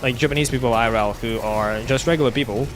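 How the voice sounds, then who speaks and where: A man with a slight British-sounding accent, chatting casually with viewers while streaming a game, talking haltingly with many restarts. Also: mid-range voice, noisy background. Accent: slight British-sounding English, learned at school. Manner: halting, with frequent restarts and fillers. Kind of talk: casual chat while gaming live.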